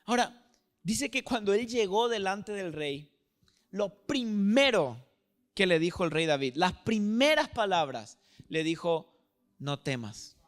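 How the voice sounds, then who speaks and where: High-voiced pastor swinging soft to loud. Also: male voice, lively intonation, a little slow. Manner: swings between soft hushed lines and loud emphatic peaks; acts out quoted inner voices in dialogue. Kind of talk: sermon.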